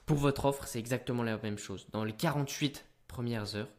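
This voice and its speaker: A teenage man giving business advice straight to camera in an energetic, punchy way. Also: mid-range voice, normal speed. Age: teens.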